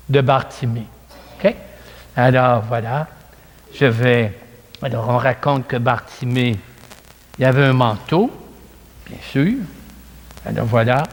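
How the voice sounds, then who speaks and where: A man with a Québécois accent preaching a storytelling sermon, animated and chatty, acting out the scenes, in an echoey church hall. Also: on the high side.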